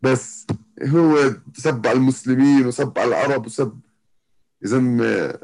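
A professional MMA fighter from Jordan, speaking with a Palestinian-Jordanian Arabic accent, chats casually as an interview guest. His mid-range voice is slightly mellow and moderately paced, the recording rough, and he often loops back over his own phrases.

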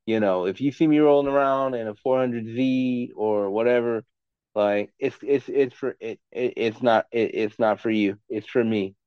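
A man's voice: mid-range voice, moderate pace, smooth, dry recording, lo-fi sound. A man as a podcast guest in casual chat, giving blunt, profane, rambling opinions.

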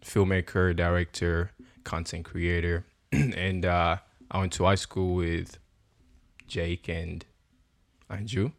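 A Ugandan man in his twenties, speaking low and slow with no echo, is a podcast guest in a casual chat. He sounds relaxed, laughs often, and fills his speech with lots of "um"s and "like"s.

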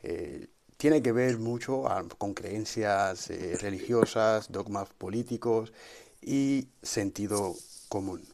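A man from giving a measured, slightly formal introduction to a podcast. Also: lowish voice, creaky, a little mellow.

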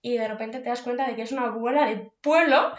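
A young woman, co-hosting a podcast, chatty and lively as she tells stories, swearing casually. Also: fairly high pitch, fast talker. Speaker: podcast co-host. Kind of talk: casual chat among friends. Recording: echoey room, dull lo-fi sound, faint hiss.

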